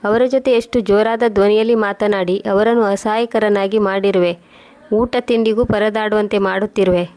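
A stern elderly mother scolds her grown daughter, as a woman narrator reads her part. The voice stays level and even, with little rise or fall, and the delivery is plain storybook reading. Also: medium pitch, normal speed, natural voice. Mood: stern scolding.

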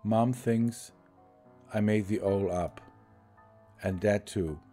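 A man voicing a worried young girl, the narrator's little sister, reading her lines in a slow, pleading way. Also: on the low side, mellow, faint music behind. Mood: scared, pleading. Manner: anxious, pleading read-aloud lines.

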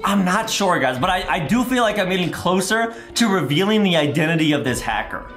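A young American man hosts a gaming video, narrating gameplay for kids in an exaggerated, childlike, dramatic way and repeating himself. His voice is high and sing-song, a little fast and fairly bright, recorded in an echoey indoor room with music behind him.

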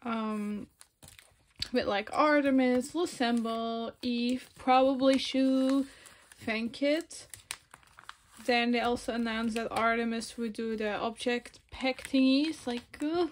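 A woman's voice: fairly high pitch, steady tone, slow, a little hiss or hum. A woman in her twenties from Belgium, a native Dutch speaker, chatting casually and rambling as she sorts photocards. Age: 20s. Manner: rambling, self-correcting, soft-spoken. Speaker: vlogger. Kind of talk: casual chat while sorting photocards. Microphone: phone camera.

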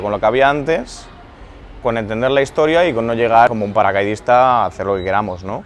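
A man's voice: on the low side, a little hiss or hum. A man being interviewed outdoors for a documentary, speaking thoughtfully and restarting his phrases as he explains a youth project. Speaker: youth boxing association founder. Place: outdoors in a city neighborhood. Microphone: lapel mic.

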